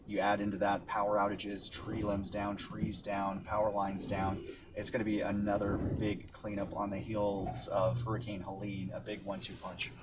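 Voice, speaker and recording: A man from the Tampa Bay area of Florida reporting live from the field on storm damage, explaining in an unscripted, halting and repetitive way. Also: lowish voice, monotone. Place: outdoors near flooded coastal neighborhood. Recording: distant mic with loud outdoor noise.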